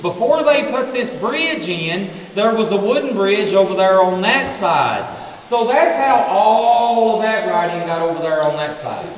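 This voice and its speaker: Cave guide, male, notably high voice, folksy group address, heavy cave echo. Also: lively intonation, unhurried, recorded from a distance. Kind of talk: guided tour talk to a group. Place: inside a cave, voice echoing off rock. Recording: echoey cave reverb, hiss and noise.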